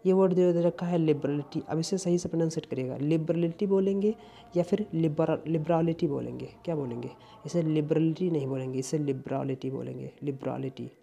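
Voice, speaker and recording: Man drilling vocabulary, dark voice. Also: on the high side, vocal fry, a little hiss or hum. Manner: explains patiently, repeating words to drill pronunciation. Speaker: English vocabulary teacher. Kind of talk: explaining vocabulary lesson.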